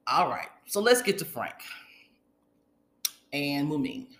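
Hosting a reality TV recap show, a woman delivers casual, opinionated commentary in a low, slow voice, tossing in colloquial, sassy asides. She animatedly retells events, acting out what others said, and the room sounds echoey and reverberant.

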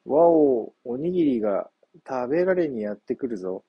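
A man's voice: fairly low pitch, a little fast, breathy edge, dry recording, muffled recording. A man voicing a hungry, sly young male monkey in a children's story, whiny and boastful.

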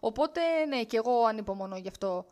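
A young woman co-hosts a casual podcast, chatty and opinionated, tossing in animated asides. Her voice sits a little high. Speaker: podcast co-host. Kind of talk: casual chat about superhero shows.

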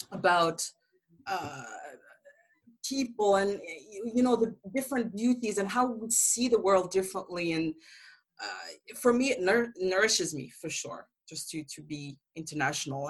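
A woman's voice: fairly low pitch, rough recording. A woman from Algeria hosting a podcast interview, enthusiastic and chatty, laughing often. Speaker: podcast host. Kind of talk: casual interview chat.

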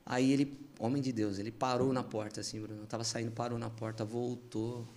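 Brazilian pastor guy telling his testimony on a podcast, animated and emotional, normal mid voice. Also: mid-range voice, fairly quick, a little hiss or hum. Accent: Brazilian Portuguese. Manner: animated, emotional storytelling with reenacted dialogue. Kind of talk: personal testimony storytelling.

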